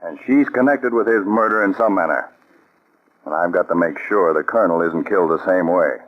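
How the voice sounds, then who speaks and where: This low-voiced man speaks briskly as the authoritative head of a counterspy unit in a radio play from the 1940s. The vintage broadcast audio is dull.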